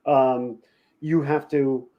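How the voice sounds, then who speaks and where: A man's voice: medium pitch, level tone, drawn-out words, highs cut off. A man co-hosting a casual podcast chat, explaining things in a rambling way with lots of fillers. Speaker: podcast co-host.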